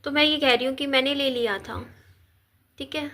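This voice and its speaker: A woman in her thirties speaks in a high, bright voice, but she is unwell and talks slowly and softly, as if worn out. It is a personal vlog recorded on a phone, addressed straight to her viewers. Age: 30s. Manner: slow, subdued, tired delivery. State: unwell and weak. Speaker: vlogger. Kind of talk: personal talk to camera.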